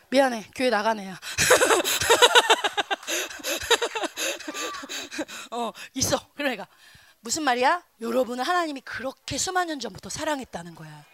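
A woman in her thirties preaching a children's sermon in a church, telling stories with sudden swings between loud and soft. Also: high-pitched.

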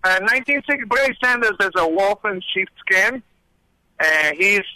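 Male radio caller from Romania, earnest storyteller, high bright voice, phone line. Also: expressive, normal speed, no room sound. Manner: earnest, tells a personal story.

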